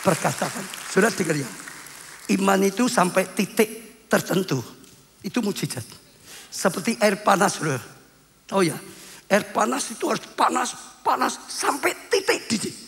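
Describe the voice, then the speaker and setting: A man from Indonesia preaching a sermon as pastor, animated, acting out dialogue and repeating phrases. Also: high-pitched, moderate pace, creaky, long pauses. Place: church hall. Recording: long reverb of a church hall.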